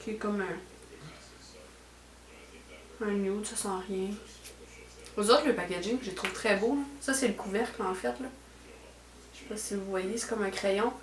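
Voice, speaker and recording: A woman's voice: mid-range voice, normal speed, pauses often. A young woman with a Quebec French accent chatting casually through a beauty unboxing at home, with lots of fillers and trailing "là". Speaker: beauty vlogger. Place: at home indoors. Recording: echoey room.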